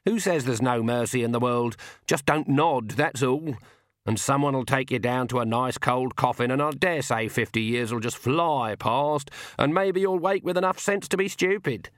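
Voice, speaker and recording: A man voicing a stern, sharp-tongued elderly witch who talks in blunt rural speech. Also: medium pitch, moderate pace, dry recording, studio quality, lightly acted.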